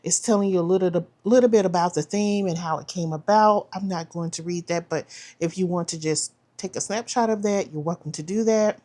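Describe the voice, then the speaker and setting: Speaking briskly in a fairly low, mellow voice, this woman unboxes a planner subscription box for her vlog. Her casual chatter trails off and starts over, and she uses "y'all."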